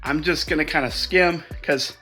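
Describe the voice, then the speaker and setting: A man's voice: on the high side, normal speed, bright, forceful tone, soft background music. A man casually talking through a pile of resale clothes, chatty and a little out of breath. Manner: chatty, thinking aloud while sorting clothes. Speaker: resale vlogger. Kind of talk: casual vlog commentary.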